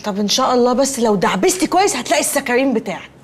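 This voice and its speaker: A woman's voice: fairly high pitch, lively intonation, racing, slightly rough. An actress playing a chatty, scatterbrained young woman in a TV comedy, with an Egyptian accent and a wheedling, sing-song manner. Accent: Egyptian Arabic. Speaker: sitcom character. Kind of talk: TV comedy acting.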